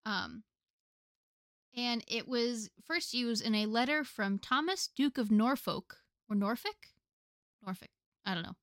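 A woman's voice: a little high, measured pace, a bit bright, no echo, studio quality. A young American woman co-hosting a casual podcast, chatting with many fillers and laughing often. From United States. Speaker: podcast co-host. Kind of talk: casual chat.

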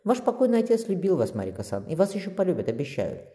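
A man's voice: high-pitched, wildly swooping pitch, quick pace, pitched above the performer's own voice. A man reading as a kind, earnest young man. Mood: gentle. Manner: gentle, reassuring. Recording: long reverb.

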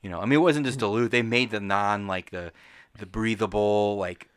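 A man's voice: fairly low pitch, steady tone, normal speed, a bit bright, clean tone, no room sound, clean studio sound. A man co-hosting a casual podcast, swearing, laughing a lot and calling everyone dude. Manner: profane, laughs often, says dude a lot. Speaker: podcast co-host.

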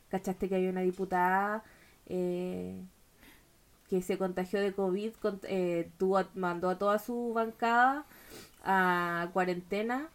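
A young woman with a Chilean accent, co-hosting a casual chat and teasing her friend in a chatty, laughing way. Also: lowish voice. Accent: Chilean Spanish. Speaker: podcast co-host.

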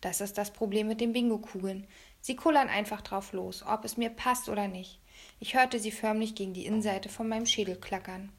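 A woman reading a first-person children's story aloud in a lively storytelling manner. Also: mid-range voice, brisk. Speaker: audiobook reader.

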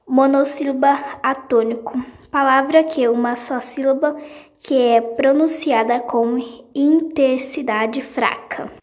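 Woman, high voice, husky, halting read-aloud lesson. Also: steady tone. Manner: slow, halting reading with restarts on words. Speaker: teacher reading a grammar lesson.

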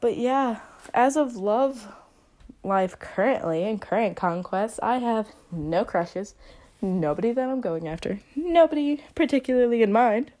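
A woman's voice: a little high, lively intonation, unhurried, dark tone. A young woman hosting a casual solo podcast, talking in a chatty, rambling way and saying "like" a lot. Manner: chatty, rambling, heavy use of "like". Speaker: podcast host.

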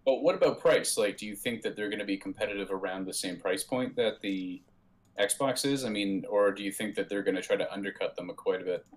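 A man with a fairly low voice talks on a casual podcast. He raises questions in a measured way, with some fillers along the way.

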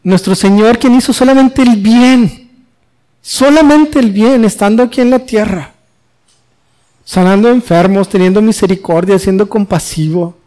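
A man's voice: high-pitched, a little slow, dark tone. A male pastor preaching an expository sermon, reading scripture aloud and explaining it with emphatic, rising delivery. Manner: reads scripture then explains it, rising emphatically on quoted questions.

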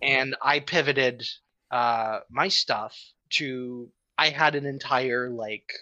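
Woman, 30s, podcast co-host and writer; unhurried, bright tone, casual and profane storyteller. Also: a bass voice, highs cut off. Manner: loose, profane storytelling with many fillers.

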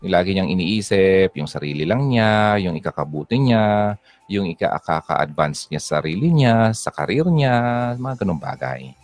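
Deep-voiced man giving fatherly advice. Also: lively intonation, normal speed, a little mellow, soft background music. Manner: fatherly, mixes English into Tagalog. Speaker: advice host. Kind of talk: casual advice talk to a listener.

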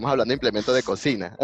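A man's voice: on the low side, muffled recording. A man hosting a casual chat, playfully teasing the others and prodding them with questions.

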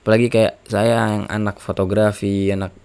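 A man's voice: fairly low pitch, level tone, normal speed, darkish tone. A nineteen-year-old man talking in a rambling, casual monologue, with many fillers. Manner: rambling, many fillers like gitu, sighs ya Allah.

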